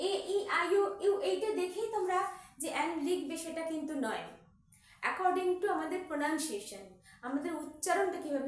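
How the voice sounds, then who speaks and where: Woman, teacher, Bengali accent, high voice, repeats examples, asks the class questions, very echoey room, mic far off. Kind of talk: classroom grammar lesson.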